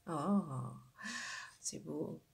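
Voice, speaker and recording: A woman's voice: low-pitched, extremely slow, creaky, a little mellow, husky. A woman doing an intuitive card reading for her viewers, hesitant and searching for words, often dropping into a whisper. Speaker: tarot card reader.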